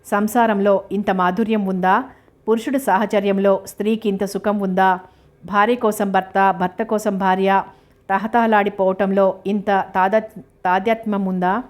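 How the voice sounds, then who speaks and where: A woman reads a novel aloud as its narrator. Her delivery is steady and even, with pitch in the middle range and very little rise and fall. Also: normal speed. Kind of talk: novel reading.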